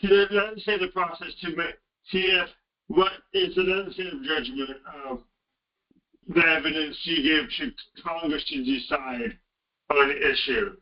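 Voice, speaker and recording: A man calling in to a talk show over a phone line that keeps breaking up, speaking haltingly and restarting his words. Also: on the high side. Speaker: caller. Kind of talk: call-in radio talk. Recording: muffled, distant phone-in line.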